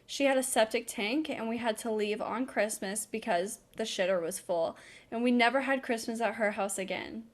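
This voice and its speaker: A woman's voice: a little high, moderate pace. A young woman from North Dakota co-hosting a podcast over a video call, reading listener messages and joking crudely with a lot of laughter. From North Dakota, United States. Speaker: podcast co-host.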